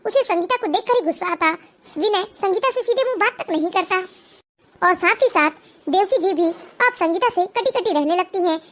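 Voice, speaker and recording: High-voiced woman narrating a story. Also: a bit bright. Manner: plain storytelling.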